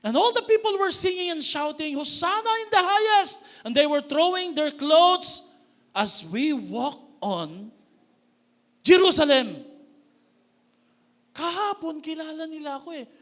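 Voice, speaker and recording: A man's voice: extremely high pitch, lively intonation, slow, pauses often, a bit bright, in a large hall, pitched above the performer's own voice, heavily acted. A man voicing a male donkey who sounds puzzled and plaintive, asking questions.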